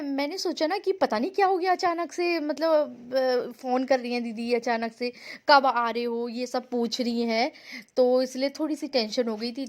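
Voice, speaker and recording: A young woman from India narrating her family vlog in a chatty, rambling way, mixing in English words. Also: on the high side. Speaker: vlogger.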